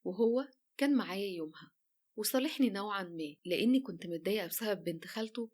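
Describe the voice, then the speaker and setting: A woman with an Egyptian accent narrating a first-person romance story in a lively, chatty way. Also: mid-range voice, fast talker.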